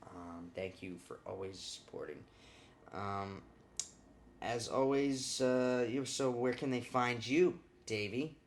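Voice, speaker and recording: A man's voice: medium pitch, slow, slight background noise. A man hosting a casual podcast, talking loosely and joking, swearing now and then. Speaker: podcast host.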